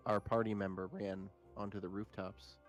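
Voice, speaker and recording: Low-voiced man playing a tabletop game. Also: little pitch movement, normal speed. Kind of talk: casual in-game chat. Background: background music.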